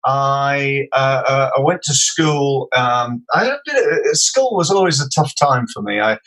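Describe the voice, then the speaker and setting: Telling his life story on a podcast, this middle-aged Sheffield man speaks with a Yorkshire accent, hesitating with lots of fillers and restarts. His medium-pitched voice is expressive and a bit bright, at a measured pace, in a casual interview style.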